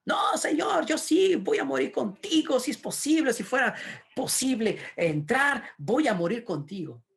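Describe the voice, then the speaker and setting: A preacher voicing the apostle Peter as a fervent man loudly protesting his loyalty. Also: mid-range voice, sing-song, a little slow, vocal fry, voice pushed up, exaggerated voice. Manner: loud protesting, insistent.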